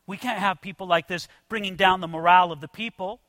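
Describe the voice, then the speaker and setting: Pompous male priest done by a preacher, smug, condescending, low and quiet, dry close sound. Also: fairly even intonation, fast talker, no room sound. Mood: haughty. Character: pompous haughty male chief priest, coolly dismissive.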